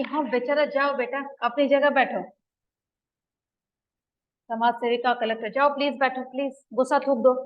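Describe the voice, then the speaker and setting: Woman retelling a play, bright high voice. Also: lo-fi sound. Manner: mixes quoted dialogue with plain explanation. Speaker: teacher explaining a play. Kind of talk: retelling and explaining a drama scene.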